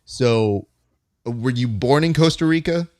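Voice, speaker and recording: A man's voice: medium pitch, unhurried, a little mellow. A man hosting an interview, asking questions in a chatty, joking way. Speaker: podcast host, interviewer. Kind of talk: conversational interview.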